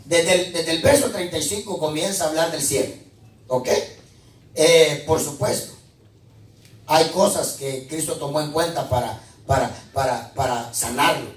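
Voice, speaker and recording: A male pastor, preaching a sermon with fiery swings between shouting and quiet asides. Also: fairly high pitch, a little slow. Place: church hall. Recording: echoey church, mic at a distance.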